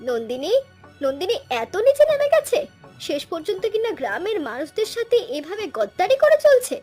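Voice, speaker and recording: Cartoon role: a woman as a high-voiced, bossy scheming village wife, faint music behind. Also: brisk, fairly bright tone. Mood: accusing. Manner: bossy, commanding. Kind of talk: cartoon dubbing.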